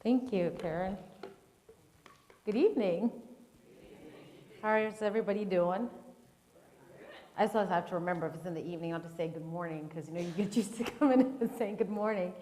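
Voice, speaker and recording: A woman's voice: lowish voice, brisk, pauses often, mellow. A woman, giving a friendly guest talk at a church and asking the audience questions. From Zimbabwe. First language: Shona. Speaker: guest speaker. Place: church hall. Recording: echoey church hall.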